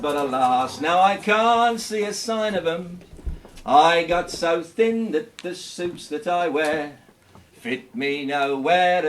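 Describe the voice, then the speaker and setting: A man with a fairly high voice performs a comic folk song, drawling the sung lines and then gabbling through tongue-twisting patter verses. The live recording is noisy, with clicks behind him. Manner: rattles off wordy patter verses at speed between slower sung lines; jokey storytelling, laughing as he goes. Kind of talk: comic song and joke-telling at a live party. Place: folk club party room.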